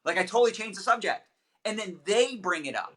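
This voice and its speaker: As the guest on a relaxed livestream, a man who trains network marketers shares upbeat coaching advice in a chatty style with plenty of fillers. He talks fairly fast in a high, sharp voice with lively intonation.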